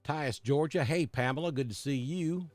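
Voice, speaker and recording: A man's voice: fairly high pitch, normal speed, darkish tone, soft background music. A middle-aged man from Alabama, chatting casually on a live weather stream and greeting viewers by name. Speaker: weather broadcaster.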